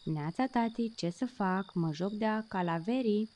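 A woman's voice: mid-range voice, darkish tone, close to an everyday voice. A woman voicing a cheerful, proud little male kitten who mispronounces words in a childlike way. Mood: sweet.

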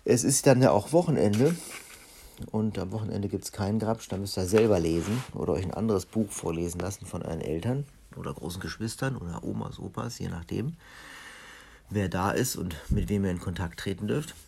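Brief: man reading a storybook to kids, low, gravelly, husky. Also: brisk, warm tone. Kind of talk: reading a children's book aloud.

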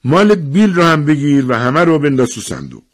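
A brisk village official, played by a male narrator calls names and explains the rules in a formal tone. His husky voice sits a little higher than the narration. It sounds like an audiobook. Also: big pitch swings. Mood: businesslike. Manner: formal, businesslike announcing. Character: brisk, formal middle-aged man running the village lottery.

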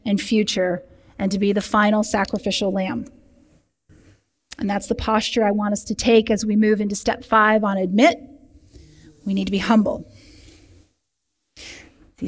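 A woman leading a recovery group, teaching in a lively way and speaking directly to the room with humor. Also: a little high. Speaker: recovery program leader. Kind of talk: sermon teaching. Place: church meeting room. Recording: long hall reverb.

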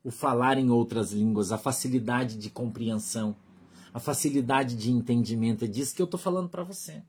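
A Brazilian pastor with a Brazilian Portuguese accent gives a sermon in a conversational style, repeatedly asking his flock "understood?" to make sure they follow. His voice is medium-pitched, fairly quick, and a little mellow, with slight background noise.

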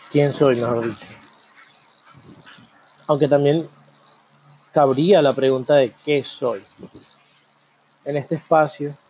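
Male host, reflective monologue, slightly raised pitch, mellow dark tone, many rhetorical questions. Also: a little hiss or hum. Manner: musing, full of rhetorical questions, slow drawn-out pauses. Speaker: program host.

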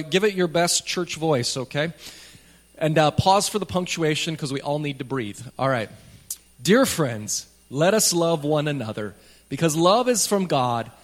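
A man preaching a sermon at a pulpit microphone in a church, speaking in a plain, conversational way with light jokes for the congregation. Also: a little high. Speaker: pastor. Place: church sanctuary.

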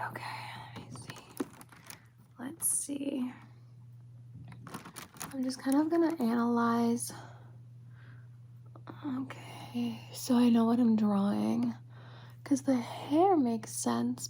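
A young woman whispering softly and slowly in a personal-attention ASMR roleplay, close to the microphone. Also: a little high, vocal fry, a little hiss or hum. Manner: soft whispering, slow and close. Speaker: ASMR creator. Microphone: close sensitive mic.

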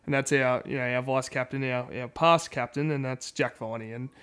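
A man's voice: mid-range voice, steady tone, brisk, a bit bright, clear, resonant tone. An Australian man co-hosting a casual football podcast in a wooden shed, rambling along in a colloquial, conversational way. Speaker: sports podcast co-host.

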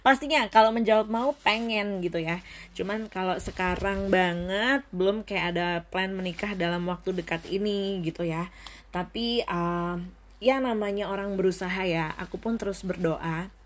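A young woman talking casually to her viewers in a reflective vlog, often dropping English phrases into her speech and pausing to think. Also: mid-range voice, steady tone. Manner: thoughtful, pauses with many fillers. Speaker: vlogger.

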